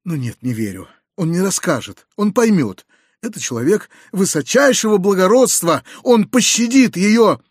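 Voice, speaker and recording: A man reading an audiobook, voicing an anxious, kindly middle-aged uncle who confides in hushed, lowered tones with hurried outbursts. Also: very animated, breathy edge, no room sound, studio quality, exaggerated voice. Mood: desperate.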